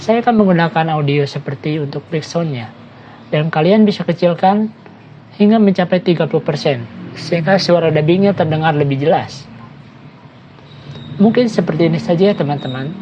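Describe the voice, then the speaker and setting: Low, mellow woman teaching an app tutorial. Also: moderate pace, lo-fi sound, slight background noise. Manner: steady, step-by-step instruction addressing viewers as friends. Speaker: tutorial narrator. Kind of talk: screen-recorded app tutorial voice-over.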